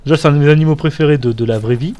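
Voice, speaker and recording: A young gamer chats casually through let's-play commentary, swearing freely and drifting into asides. His voice is a little high and darkish in tone, and he talks very fast.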